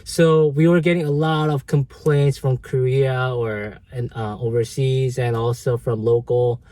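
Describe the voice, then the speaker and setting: A man's voice: mid-range voice, fairly even intonation, unhurried, warm tone, dry recording. A man casually telling a story from an old job to his viewers, full of fillers, restarts and "right?". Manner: rambling, many fillers and restarts. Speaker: vlogger.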